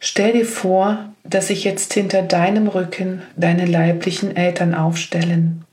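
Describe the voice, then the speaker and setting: Female meditation guide; calm, level delivery, unhurried pace. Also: on the low side. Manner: slow, gentle spoken instructions.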